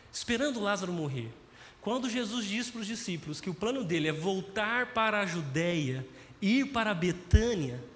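A man's voice: high-pitched, a bit bright. A man preaching a sermon, telling the story and acting out its scenes. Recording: long hall reverb.

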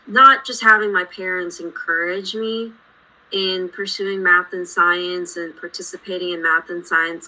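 A woman in her late twenties with a very bright, sharp voice, born in India and raised in Houston. She talks as a guest engineer on a podcast. Her delivery is measured and explanatory. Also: lowish voice, rough recording. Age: late 20s. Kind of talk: podcast interview.

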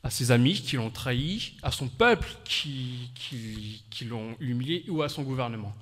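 A man's voice: mid-range voice, expressive, background noise. Earnest male preacher in reverberant hall. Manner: earnest, pausing in short phrases. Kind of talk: sermon with live interpretation.

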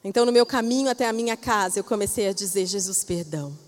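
A woman pastor with a Brazilian Portuguese accent preaching a sermon expressively, moving between loud emphasis and soft, hushed passages. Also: on the high side, very fast. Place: church. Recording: reverberant church hall.

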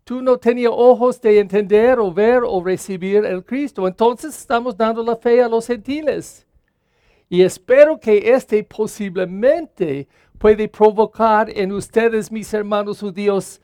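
Male parish priest for a Sunday homily: unhurried, mellow tone, earnest, repeats key phrases. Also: sits high, no echo, clean studio sound.

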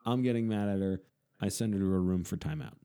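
Low-voiced man telling a story. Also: fast talker, warm tone, clear, resonant tone. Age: adult parent. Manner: tells stories with laughter, swears freely. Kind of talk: casual storytelling.

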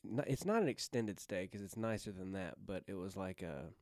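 A man's voice: low-pitched, animated, moderate pace, noisy background. A man from Arkansas who grew up in Kansas City, talking in a laid-back, profane podcast chat.

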